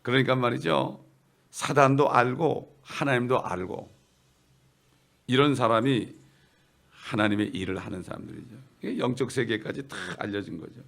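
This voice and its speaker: A man's voice: mid-range voice, normal speed, vocal fry, fairly bright tone. A man preaching a sermon as pastor, asking the congregation questions, answering them himself and repeating key phrases for emphasis. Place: church.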